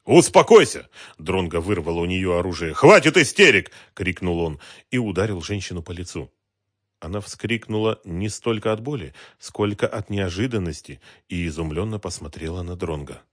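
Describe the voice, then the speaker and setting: A man reading a crime novel aloud, with expressive, dramatic narration. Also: low voice, normal speed, no room sound, studio quality. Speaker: audiobook narrator. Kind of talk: scripted narration.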